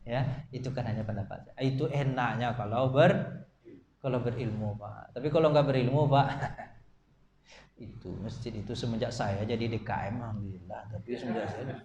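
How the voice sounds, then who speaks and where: A man preaching at a mosque study session, telling stories lively and joking with his listeners. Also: mid-range voice, normal speed, lo-fi sound, a little hiss or hum. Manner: lively storytelling, jokes with listeners. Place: mosque hall. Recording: echoey mosque room, faint ambience.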